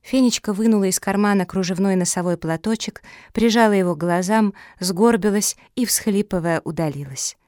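A woman narrating a children's storybook in an even, expressive reading. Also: mid-range voice, normal speed, few pauses, no echo, clean studio sound. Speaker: audiobook narrator.

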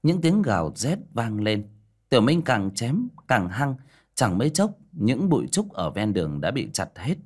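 A man narrating an audiobook in an animated, dramatic reading style. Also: lowish voice. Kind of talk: storytelling narration.

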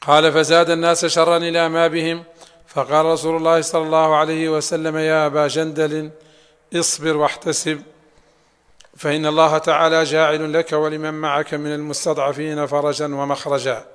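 Man reciting text in a flat voice. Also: a little high, a little fast, smooth. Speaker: student reading a text aloud. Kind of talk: reading a classical text aloud. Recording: long hall reverb.

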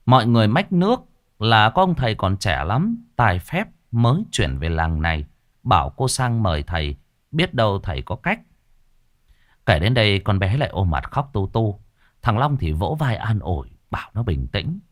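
A man's voice: lowish voice, moderate pace, no room sound, studio quality. A man narrating a horror story in a scripted, dramatic way. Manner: expressive, dramatic.

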